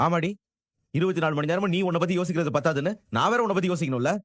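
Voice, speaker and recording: A man's voice: fairly high pitch, rapid-fire, fairly bright tone, no room sound, studio quality, lightly acted. An actor playing a hot-tempered young man who snaps at his girlfriend on the phone with sarcastic, dismissive anger. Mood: angry. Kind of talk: TV serial acting.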